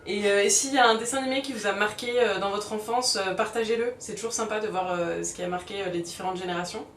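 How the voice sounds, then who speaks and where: A woman's voice: medium pitch, quick pace, fairly bright tone, slight background noise. Woman reviewing movies, host style, roomy sound a bit far from the mic. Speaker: host of a film review vlog. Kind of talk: film review, part scripted narration, part casual chat. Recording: roomy, distant mic, faint music.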